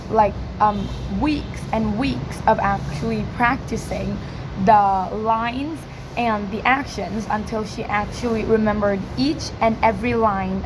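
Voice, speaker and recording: A female student practising English gives an informal spoken question-and-answer presentation. Her voice is high but croaky and cracking, hoarse from yelling, and she speaks slowly and hesitantly with many filler "likes" over a noisy recording.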